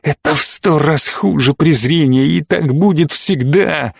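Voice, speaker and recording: A man voicing a bitter, wounded young male officer who speaks in an intense, hushed, resentful tone, in an audiobook. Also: a little high, unhurried, gravelly, husky, dry recording, clean studio sound, heavily acted.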